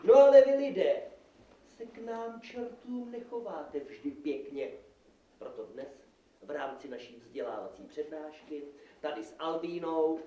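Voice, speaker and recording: A man's voice: on the high side, expressive, mellow, muffled recording, a little hiss or hum, close to an everyday voice. A man playing a jovial male devil who lectures people at a live puppet theater show, chuckling and playful. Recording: echoey room, from far off.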